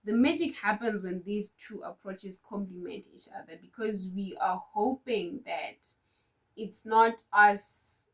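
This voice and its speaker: A woman giving a prepared conference talk about her work in tech, in an earnest, measured way. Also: mid-range voice, far from the mic, rough recording. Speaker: conference speaker.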